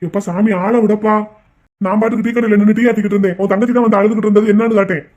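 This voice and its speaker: Cartoon: a man playing a meek tea seller, quick and high-voiced, dull lo-fi sound. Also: little pitch movement, darkish tone, close to an everyday voice. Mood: pleading. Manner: pleading, fretful. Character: meek adult male tea shop owner. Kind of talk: cartoon voice acting.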